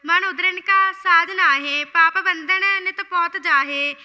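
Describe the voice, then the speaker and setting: A very high, bright woman's voice chants scripture slowly and deliberately, line by line. Her recitation is even and measured, and she repeats phrases after being corrected. The sound rings with a long hall reverb.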